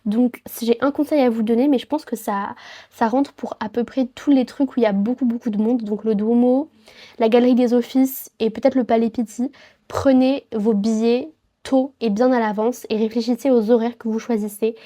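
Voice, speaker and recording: This travel vlogger's voice is fairly high and dark, held steady at a moderate pace. She's in her late teens, has a head cold, and rambles casually to camera, often restarting and using fillers.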